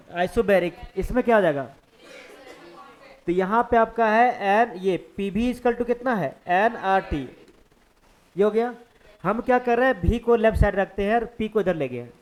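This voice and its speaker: High-voiced Hindi physics teacher lecturing. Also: male voice, rough recording. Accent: Hindi-speaking eastern India. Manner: conversational, keeps checking understanding with the class. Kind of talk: classroom lecture.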